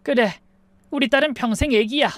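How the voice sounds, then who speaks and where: A man's voice: extremely high pitch, normal speed, no echo, voice pushed up. A woman voicing an affectionate father who dotes on his daughter. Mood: doting. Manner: warm, doting. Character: affectionate older father of the bride.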